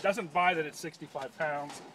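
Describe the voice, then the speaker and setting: A man in his fifties gives a chatty product demonstration outdoors, slipping jokes into his sales patter. His voice sits somewhat high for a man. Clicks and passing vehicles come through clearly in the background. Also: moderate pace. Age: 50s. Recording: audible outdoor background noise.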